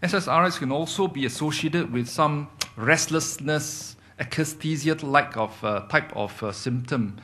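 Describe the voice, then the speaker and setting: A middle-aged psychiatrist from Singapore gives a clinical lecture to doctors, explaining as he goes. He repeats key points, asks and answers his own rhetorical questions and keeps checking in with "okay?". His fairly high, sharp voice is a little slow with hardly any pauses.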